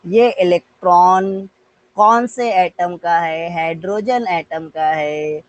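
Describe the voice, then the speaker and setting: Slow-speaking male physics teacher. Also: sits high, lo-fi sound. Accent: Indian. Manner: slow, coaxing, asks students questions; mixes Hindi with English terms. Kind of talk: online live class lecture.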